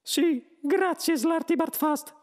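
A man voicing a small male mouse who talks in a high, squeaky, curt and dismissive way. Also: darkish tone. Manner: brisk, dismissive.

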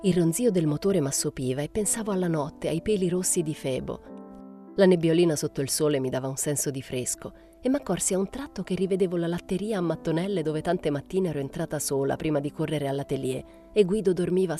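A woman reading a literary novel aloud as audiobook narration, in a measured, understated first-person style. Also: deep voice, dark tone, faint music behind. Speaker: audiobook reader.

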